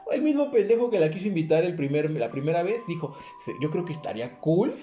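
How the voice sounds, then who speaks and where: Un hombre joven con acento mexicano que cuenta una anécdota en una charla informal, con mucha grosería y jerga, imitando las voces de otros. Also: male voice, fairly high pitch, very animated, quick pace, mellow. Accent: Mexican Spanish. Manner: crude slangy storytelling, acts out quoted voices. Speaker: podcast co-host telling a story. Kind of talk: casual chat. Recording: roomy, dull lo-fi audio with faint music.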